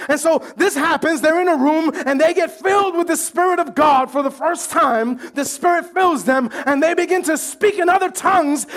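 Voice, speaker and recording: In a very high-pitched male voice, a pastor gives an animated sermon. He jokes along the way and performs the crowd's voices himself.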